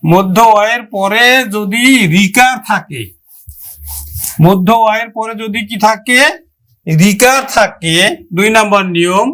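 A man's voice: sits high, takes it slowly, long pauses, a bit bright. A male teacher giving a grammar lesson, addressing students with questions and sounding out example words syllable by syllable.

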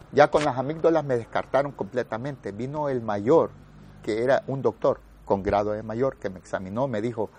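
A man in his sixties with a Salvadoran accent, an army veteran telling his story lively and acting out the voices of others. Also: medium pitch. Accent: Salvadoran Spanish. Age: 60s. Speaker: war veteran interviewee. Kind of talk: spoken war memoir.

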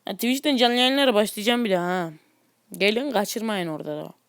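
A man giving casual, excitable commentary on a mobile game, grumbling at the game and chatting to his viewers. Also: high-pitched, fairly quick, vocal fry, smooth, no room sound, studio quality. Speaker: gaming YouTuber.

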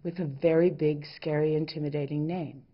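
A woman's voice: low voice, fairly even intonation, fairly quick, muffled recording. A woman educator explaining a teaching method in an interview, in a reassuring, plainspoken way.

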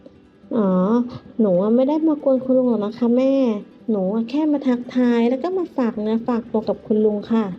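Woman voicing a bright, chatty young teacher. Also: fairly high pitch, fairly even intonation, moderate pace, close to an everyday voice. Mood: cheerful. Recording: dull lo-fi with music.

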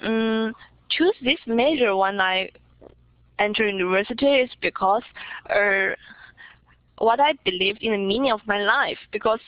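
A woman's voice: mid-range voice, normal speed, dry recording. Young Chinese-accented woman, dull recording. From China. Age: young adult. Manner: hesitant, searching for words in non-native English. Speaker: interviewee, visiting scholar. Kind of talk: interview answers.

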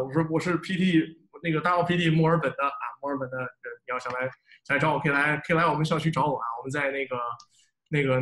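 A man with a fairly high voice runs a speaking class. He corrects pronunciation patiently, saying each word again and again, mixing Mandarin with English. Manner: patient, repeats phrases, relaxed reassuring tone. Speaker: English speaking test teacher. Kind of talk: live speaking-class coaching.

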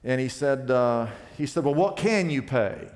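A pastor telling a story in a sermon, animated and rising to loud excited peaks. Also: male voice, medium pitch, a little slow, background noise. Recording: long reverb of a large hall.

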